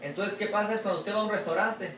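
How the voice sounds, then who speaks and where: A man's voice: sits high, fast, a bit bright. A man pastor preaching a sermon in a church in a conversational way, often calling the listener brother and asking rhetorical questions. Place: church sanctuary. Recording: echoey room, distant mic, faint ambient noise.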